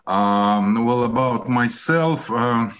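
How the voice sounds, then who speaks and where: An older professor with a Russian accent answers interview questions reflectively and hesitantly, with many pauses and fillers. His mid-range voice is smooth and fairly bright in tone.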